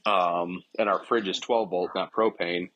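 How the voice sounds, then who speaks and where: A man in his thirties, a podcast guest, telling a rambling story in a relaxed way with restarts and chuckles. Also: low-pitched, unhurried, highs cut off. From Ohio. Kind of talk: casual storytelling.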